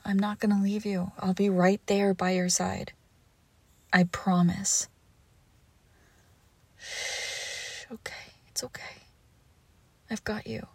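A young woman playing a devoted girlfriend who nurses her sick partner, coaxing and protective, often dropping to a hush. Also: mid-range voice, dry recording. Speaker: audio roleplay performer. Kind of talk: audio roleplay addressed to the listener.

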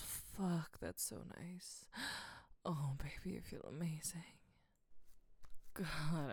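A woman performing an intimate audio roleplay in a breathy, teasing, soothing whisper. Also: lowish voice, no echo.

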